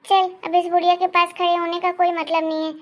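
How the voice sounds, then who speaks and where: A scheming elder daughter-in-law from a cartoon, bossy and scornful, as a woman voices her. Her voice sits very high and thin. She orders people about. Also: little pitch movement, fairly quick. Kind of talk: cartoon voice acting.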